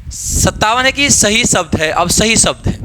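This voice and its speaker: A man teaching an exam-prep grammar lesson, explaining answers step by step with lively emphasis. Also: high-pitched, unhurried, noisy background. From India.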